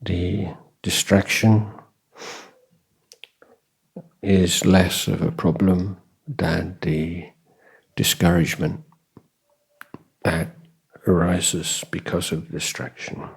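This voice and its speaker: A Buddhist monk and meditation teacher leads a guided meditation as a dharma talk, his voice deep and very husky. He speaks slowly and levelly in short, measured phrases, leaving long, calm pauses between them. The recording quality is poor.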